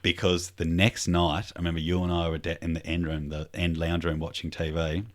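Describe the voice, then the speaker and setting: A man's voice: deep voice, monotone, a little fast. A young man telling a story in a laid-back chat, swearing freely and trailing off with fillers. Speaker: podcast host.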